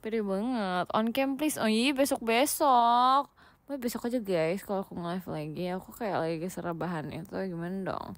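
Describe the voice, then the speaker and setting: A woman's voice: medium pitch, normal speed, no room sound. A young woman from Indonesia chatting casually with viewers on a livestream, playful and giggly, mixing in English words while lying down at home. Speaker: idol livestreamer.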